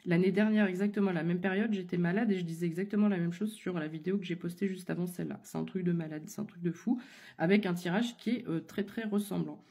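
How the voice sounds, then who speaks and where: A woman doing a tarot reading, speaking warmly and directly to one listener. Her voice is mellow and a little husky, still not fully recovered from an illness. She hesitates often, restarting phrases and filling pauses as she goes. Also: fairly low pitch, steady tone. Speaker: tarot card reader. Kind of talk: casual spoken tarot reading.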